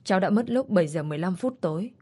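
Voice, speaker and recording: A woman's voice: lowish voice, animated, rapid-fire, warm tone, husky. A woman voicing a solemn hospital doctor who speaks in a grave, formal way in a narrated story.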